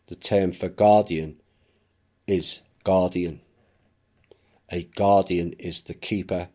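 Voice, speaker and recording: A man giving a reflective spoken monologue as a channel narrator, measured and unhurried, with occasional dry asides. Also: low-pitched, warm tone.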